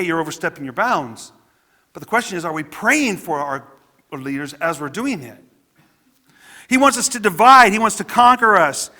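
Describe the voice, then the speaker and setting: A man with a high, bright voice preaches a sermon as a pastor, earnest and conversational, often stumbling and restarting his phrases. His voice rings out with a long reverb, as if in a church sanctuary.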